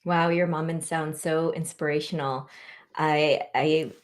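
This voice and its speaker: A woman's voice: sits low, steady tone, a little slow. A woman hosting a conversational interview, asking questions and giving encouraging murmurs. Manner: encouraging, frequent backchannel murmurs. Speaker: host.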